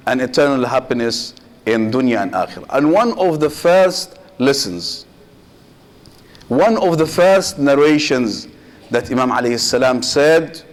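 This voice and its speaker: In a Muharram sermon, a male sheikh with a mid-range voice addresses listeners directly. Short, measured phrases and pauses shape his delivery, which mixes Arabic religious phrases into English and leans on rhetorical questions.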